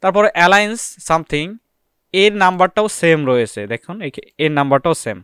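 Fast-talking man teaching a software tutorial. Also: sits high, lively intonation, smooth, dry recording, clean studio sound. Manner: explains step by step, asks and answers his own questions. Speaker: data entry instructor. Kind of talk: screen-recorded software tutorial.

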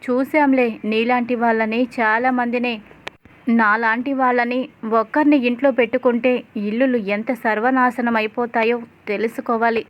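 A woman's voice: on the high side, fairly even intonation, moderate pace, dull audio, natural voice. Boastful scheming housewife, as a woman narrator puts her on. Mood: gloating. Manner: boastful, menacing. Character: scheming middle-aged woman plotting to control the house.

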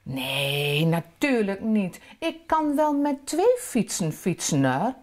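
A woman with a Drents accent voicing a steady, helpful older gnome brother who speaks in a reassuring, matter-of-fact way. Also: mid-range voice, slow pace.

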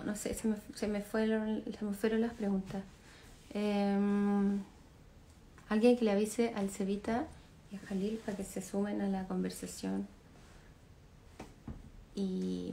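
A woman in her thirties chatting casually with fans on a phone livestream from her living room, relaxed and chatty, laughing often and trailing off with fillers. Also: medium pitch, gravelly, slight background noise. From Chile. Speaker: singer answering fans on a livestream. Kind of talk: casual chat reading comments. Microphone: phone camera at arm's length.

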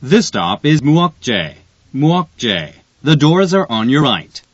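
A man's voice gives a train announcement over an onboard speaker, formal and carefully enunciated. He speaks extremely slowly, with a slightly husky tone and lively rises and falls in pitch. The recording is dry and muffled. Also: dry recording. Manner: formal, deliberate, clearly enunciated. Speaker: subway announcer.

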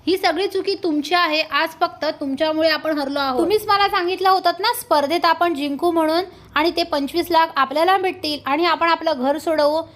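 An angry young man lays all the blame on his partner in a scolding rant, as a woman reads his lines. The voice stays high and light, plainly the reader's own. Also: a little fast, few pauses, a bit bright. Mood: accusing. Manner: accusing, scolding.

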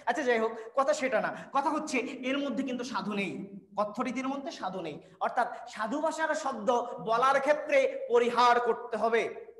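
A man with a very high voice teaches an online admission class, joking and teasing his students by name as he answers their chat questions. He slips English words into his talk. The sound is roomy, with a long echo trailing off each phrase. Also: animated, moderate pace, fairly bright tone. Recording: echoey room with long reverb.

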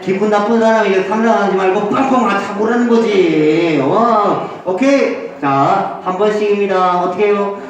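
A man's voice: high voice, normal speed, few pauses. A man leading a group game for seniors, coaxing and teasing them as he counts off each cue. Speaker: senior recreation instructor. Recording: very echoey hall, distant mic.

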